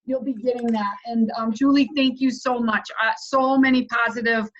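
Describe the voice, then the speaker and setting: A woman hosting a webinar, her fairly high voice coming through slightly dull, lo-fi audio. She talks in a friendly, appreciative way as she passes questions along and wraps up. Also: steady tone, moderate pace. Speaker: webinar host.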